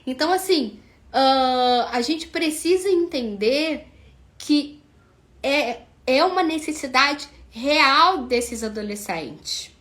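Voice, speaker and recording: Woman, 30s, psychologist host; slow, chatty, fairly high voice. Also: animated, a bit bright. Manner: chatty, many fillers, acts out dialogue. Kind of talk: casual talk to camera.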